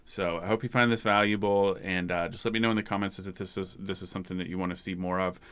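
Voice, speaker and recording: A man's voice: deep voice, steady tone, fast talker, a bit bright, smooth. A man hosting his own channel, giving a loose, rambling, conversational screen-share tutorial. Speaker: tech channel host.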